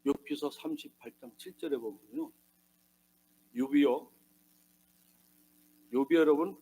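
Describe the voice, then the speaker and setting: A man preaching a sermon as a pastor, swinging between hushed asides and loud emphatic bursts and acting out the voices he quotes. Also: a little high, measured pace, slightly rough. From South Korea.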